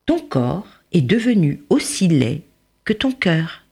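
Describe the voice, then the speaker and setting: A woman voicing a gentle, kind female fairy of a magic lake, speaking softly and tenderly in a breathy voice. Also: on the low side, very animated, takes it slowly, heavily acted. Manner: soft and tender.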